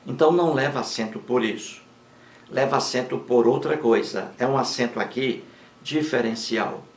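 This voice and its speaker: A man teaching grammar in a slow, deliberate lesson, repeating words for emphasis. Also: medium pitch, reverberant.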